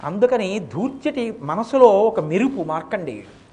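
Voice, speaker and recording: A man giving a religious discourse, telling a sacred story in animated fashion and chanting verses slowly. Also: high voice. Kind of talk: sermon storytelling.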